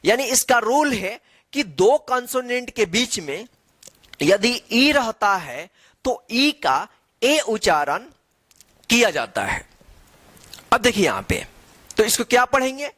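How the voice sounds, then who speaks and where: A male English teacher giving a classroom-style lesson. He spells letters out slowly and answers his own questions. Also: very high-pitched, very animated, bright, forceful tone, no echo.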